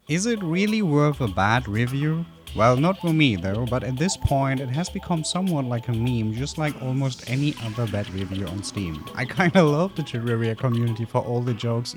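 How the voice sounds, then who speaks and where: A man giving conversational video commentary on reviews, with an animated, wry and mock-exasperated way of talking. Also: mid-range voice. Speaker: gaming video creator reading reviews. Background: background music.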